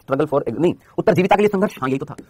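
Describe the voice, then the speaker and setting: A man's voice: a little high, expressive, darkish tone, slight background noise. A man teaching a lecture who asks his students questions and then answers them himself, repeating points in a coaching tone. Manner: fast, repetitive, coaching tone. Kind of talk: classroom lecture.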